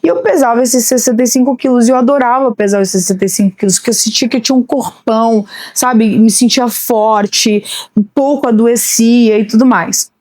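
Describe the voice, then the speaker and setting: A woman's voice: fairly high pitch, a little fast, a little mellow, no room sound. A woman in her late thirties, hosting a podcast and talking candidly in a conversational monologue with frequent restarts. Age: late 30s. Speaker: podcast host. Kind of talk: personal monologue.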